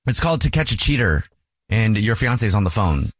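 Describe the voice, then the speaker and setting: A man with a somewhat low voice hosts a radio show, speaking close into a dry studio mic. He talks plainly and directly, stating his view without fuss. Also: big pitch swings, fairly quick, dry recording.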